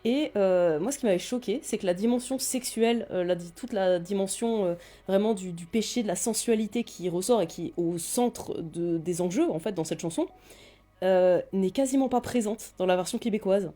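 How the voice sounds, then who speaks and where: A woman's voice: medium pitch, moderate pace, mellow. A woman on a podcast panel, talking in a rambling way with many restarts and fillers. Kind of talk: casual debate chat.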